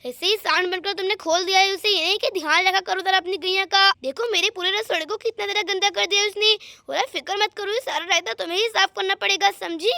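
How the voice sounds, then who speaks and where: A quick-tempered village woman who scolds at full volume, as a woman acts her out for a doll story. Her voice sits very high and rings bright and sharp, recorded dry and close with no room around it. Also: steady tone, creaky, dry recording, heavily acted. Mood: scolding. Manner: shouting, scolding.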